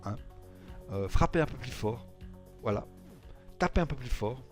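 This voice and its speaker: A man's voice: medium pitch, expressive, normal speed, faint music behind. A man with a Swiss French accent giving loose, rambling gameplay commentary, full of fillers and little tag words. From Switzerland. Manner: rambling, filler-heavy, tags lines with "hein". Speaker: let's play gamer.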